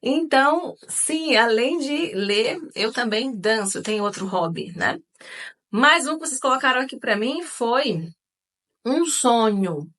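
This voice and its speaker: A woman's voice: on the high side, lively intonation, unhurried, a bit bright. A woman hosting her own book channel, chatting casually with viewers and using lots of fillers. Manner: chatty, many fillers, addresses viewers as "gente".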